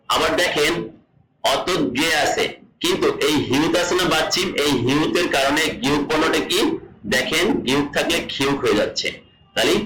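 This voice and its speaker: A man with a Bangladeshi Bengali accent teaching online, repeating each example word slowly and asking himself questions. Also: fairly high pitch, sharp tone, recorded from a distance. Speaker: Korean language teacher. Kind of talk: explaining lesson to online students. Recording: echoey room, voice a bit off-mic.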